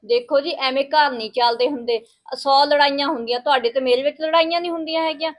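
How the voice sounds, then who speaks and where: A woman playing a village wife who lectures her sister-in-law in a sharp, sarcastic way in a family skit. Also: high-pitched, steady tone, fast, lightly acted. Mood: lecturing.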